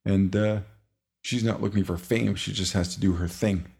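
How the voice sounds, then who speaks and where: A man hosting a casual podcast, talking in a rambling, relaxed way with many fillers. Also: low voice, moderate pace, gravelly, breathy edge. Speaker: podcast host.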